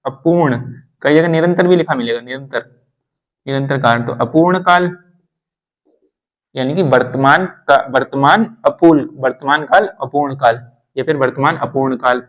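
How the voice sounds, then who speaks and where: A man's voice: medium pitch, moderate pace, poor audio. A man teaching English grammar in a classroom lesson, repeating terms and reassuring learners. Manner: repetitive, reassuring explanations.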